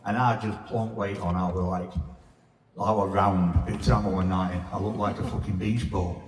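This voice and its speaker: A man's voice: low voice, fairly even intonation, moderate pace, faint music behind. A man in his fifties with a Sheffield accent, doing a blunt, sweary, rambling stand-up set in a pub. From England. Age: 50s. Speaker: stand-up comedian. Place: pub function room. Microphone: stage mic with reverb. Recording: echoey reverb room from far off.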